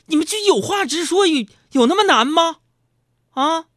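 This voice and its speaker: High, lively, bright-voiced joking male host. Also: normal speed, no echo, studio quality. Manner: joking, self-mocking, acts out quoted voices. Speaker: radio show host. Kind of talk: comic storytelling monologue.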